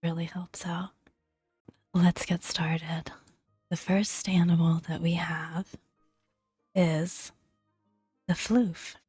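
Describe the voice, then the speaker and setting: In a lowish, flat, breathy ASMR voice that frequently sinks to a whisper, a gaming video host reads game entries and tosses in casual comments. She is gentle and slow, pausing at length between phrases. The audio is close and very dry with no echo, and faint music runs underneath.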